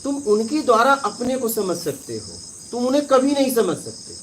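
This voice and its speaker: This man, a spiritual teacher with a strikingly high voice, speaks at a normal pace in an easygoing, conversational discourse. Parables fill his talk, he repeatedly checks that listeners understand, and a faint hiss runs underneath.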